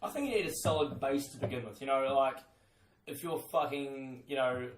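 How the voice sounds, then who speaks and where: A New Zealand man co-hosts a podcast in a relaxed, mildly teasing way. His voice sits at an everyday pitch. An echoey room surrounds him. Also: normal speed. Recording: roomy echo.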